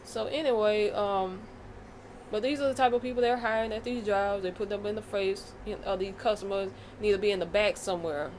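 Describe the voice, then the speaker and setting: A woman's voice: mid-range voice, steady tone, fairly quick, a little mellow, slight background noise. An American woman vlogging a casual commentary rant, blunt and profane, with a fired-up delivery. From United States.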